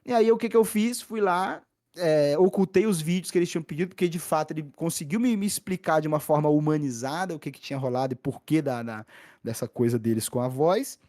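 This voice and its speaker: A young man tells a story on a podcast in loose street slang. He stays animated and often stops to restart his sentences. It sounds like casual chat, not a script. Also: on the high side, a little fast. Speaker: podcast guest, gaming content creator.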